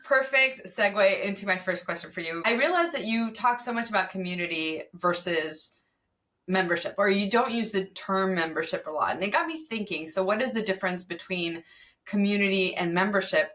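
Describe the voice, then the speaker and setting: Bright-voiced woman podcast host. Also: mid-range voice, lively intonation, moderate pace, recorded from a distance. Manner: enthusiastic, laughs easily. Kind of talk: podcast interview.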